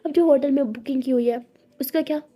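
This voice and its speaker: A woman's voice: high voice, brisk, warm tone, close to an everyday voice. A woman voicing a teasing tender young lover. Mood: fond. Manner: playful, teasing.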